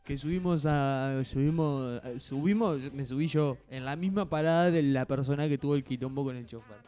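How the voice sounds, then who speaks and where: A young man with a Uruguayan Spanish accent, chatting casually and recounting an anecdote in a relaxed, rambling way. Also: mid-range voice, normal speed, clear, resonant tone, faint music behind. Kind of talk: casual chat, storytelling.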